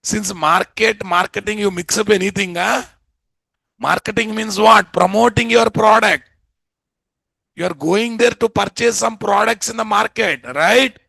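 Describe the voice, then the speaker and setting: High-pitched creaky man with Telugu Indian accent. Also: measured pace, no room sound. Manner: animated, colloquial, repeats rhetorical questions to the class. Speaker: programming instructor. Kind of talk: interactive classroom lecture.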